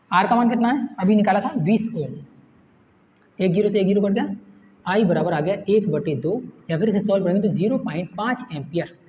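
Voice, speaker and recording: A man's voice: sits high, a little mellow. Male teacher, patient walkthrough, self-answered questions; lo-fi recording with faint hiss. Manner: asks the class questions and answers them himself. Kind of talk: step-by-step classroom explanation. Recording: echoey room, dull lo-fi sound, faint hiss.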